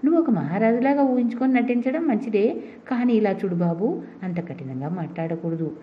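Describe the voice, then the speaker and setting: A woman's voice: medium pitch, lively intonation, brisk, close to an everyday voice. A woman reading a mocking beggar chief. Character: mocking adult male beggar gang leader. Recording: dull lo-fi recording.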